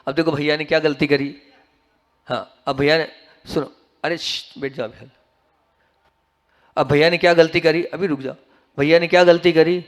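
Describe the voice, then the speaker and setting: A man's voice: steady tone, normal speed, long pauses. A man, a monk, preaching a sermon to a gathering in an earnest, instructive way, teaching how to pronounce a mantra. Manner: earnest, instructive, urges listeners to repeat and pay attention; swings between soft low phrases and raised emphatic ones.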